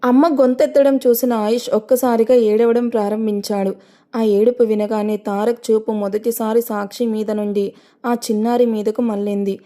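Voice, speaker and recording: A woman narrating a dramatic audio story in a measured, storytelling manner. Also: a little high, flat delivery, mellow.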